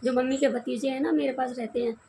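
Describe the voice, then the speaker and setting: A young woman from India with a hoarse voice, telling her viewers a story in a casual, confiding vlog chat. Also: high-pitched, steady tone, fast talker, mellow, slight background noise. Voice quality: gravelly. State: hoarse from crying and shouting. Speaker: vlogger.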